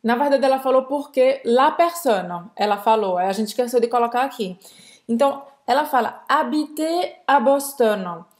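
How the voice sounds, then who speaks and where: A woman with a Brazilian accent co-hosting a conversational French lesson, explaining grammar and slowly demonstrating pronunciation. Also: on the high side, darkish tone. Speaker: French teacher, co-host.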